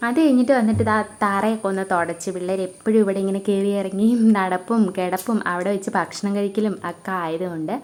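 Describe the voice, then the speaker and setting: A young woman vlogger with a Kerala Malayalam accent talks quickly, her words tumbling out. She tells the story in an emotional, chatty way, scattering fillers and little asides to her viewers. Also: medium pitch. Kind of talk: casual storytelling vlog.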